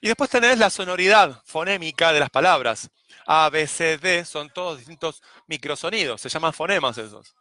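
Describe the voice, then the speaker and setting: A man gives a poetry lesson in a measured, explanatory way. He now and then beats out rhythms in sung syllables. His voice sits a little high, bright and forward, recorded dry and close. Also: dry recording. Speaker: poetry teacher.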